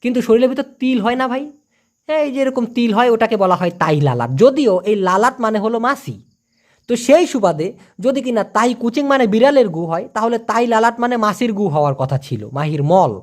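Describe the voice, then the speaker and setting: A man with a Bangladeshi Bengali accent giving a casual spoken language lesson, chatty and teasing, repeating phrases slowly. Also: very high voice, lively intonation. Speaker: language teacher.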